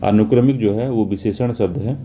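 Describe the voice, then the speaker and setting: A man's voice: lowish voice, moderate pace, mellow, slight background noise. A male teacher working through exam questions one by one, often repeating answers and checking with "theek hai". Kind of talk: exam answer walkthrough lesson.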